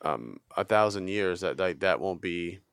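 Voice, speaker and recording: Low-voiced rambling man musing aloud. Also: expressive, unhurried, gravelly, clean tone, no room sound, clean studio sound. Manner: rambling, musing, many fillers like "you know what I'm saying". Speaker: podcast co-host. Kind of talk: casual chat.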